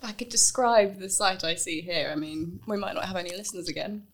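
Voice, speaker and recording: A woman's voice: fairly low pitch, fast. A woman co-hosting a casual podcast, teasing and giggly as she rates food. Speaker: podcast co-host.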